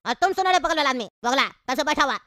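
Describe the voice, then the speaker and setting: A woman's voice: high voice, expressive, rapid-fire, sharp tone, a little hiss or hum. A woman voicing a son who fusses over his sick father on the phone and scolds a rude passenger. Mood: soothing. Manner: fussing, advising, scolding. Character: fussy caring son on the phone. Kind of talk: comic cartoon voice acting.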